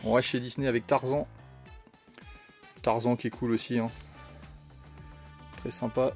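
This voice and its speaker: Male vlogger, middle pitch, casual and rambling, faint background music. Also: flat delivery, unhurried, darkish tone. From France. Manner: chatty, rambling with many fillers and restarts. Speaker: steelbook collector vlogger. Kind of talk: casual collection showcase.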